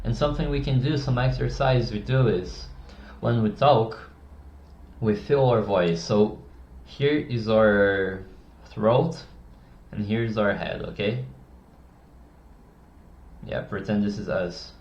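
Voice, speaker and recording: Teaching how tone of voice works, this communication coach keeps things casual and rambling, with frequent swearing. He talks slowly with long pauses in a lowish, slightly mellow voice. The explainer is recorded in a roomy, dull lo-fi way.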